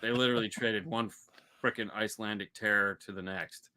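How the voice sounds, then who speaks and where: A man's voice: fairly low pitch, fairly even intonation, fairly quick, sharp tone. A man from Michigan co-hosting a casual movie chat, rambling and joking with lots of repeated words. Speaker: podcast co-host.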